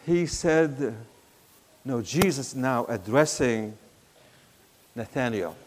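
A man in his sixties from Syria with a Syrian Arabic accent, preaching a storytelling sermon that swings between loud emphasis and a soft hush. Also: medium pitch, lively intonation, slow pace, long reverb tail. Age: 60s.

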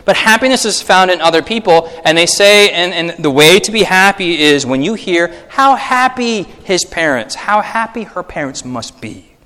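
A man's voice: sits high, moderate pace, few pauses, long reverb tail. A man preaching as a pastor in a conversational way, checking in with the listeners often and acting out voices in his stories. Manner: conversational preaching with frequent audience check-ins; animated, acts out voices in anecdotes. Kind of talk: sermon.

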